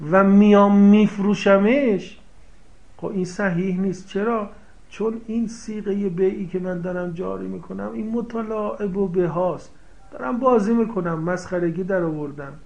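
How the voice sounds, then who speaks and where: A man with a high voice teaches from a classical legal text in a seminary-style lecture. He explains each point by repeating and paraphrasing it and keeps checking that his listeners follow. The recording sounds somewhat dull and lo-fi. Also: darkish tone.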